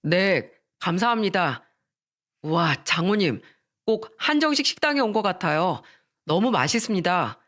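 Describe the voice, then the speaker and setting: A woman's voice: lowish voice, very animated, unhurried, a bit bright, heavily acted. A woman voicing an earnest, resolute young man who is a doctor-to-be groom.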